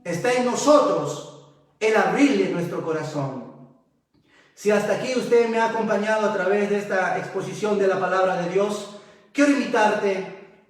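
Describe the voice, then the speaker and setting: A man with a very high voice, preaching and praying in a repetitive, exhorting cadence. The recording is heavily echoey, with his voice well back from the mic. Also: recorded from a distance. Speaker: pastor. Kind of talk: sermon and closing prayer.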